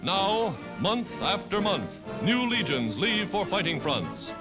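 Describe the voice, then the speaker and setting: A man's voice: high-pitched, big pitch swings, slow, rough recording. A man narrating a 1940s wartime newsreel with an emphatic declaiming delivery. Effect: old newsreel narration over loud music. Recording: old newsreel soundtrack with loud music. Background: loud music.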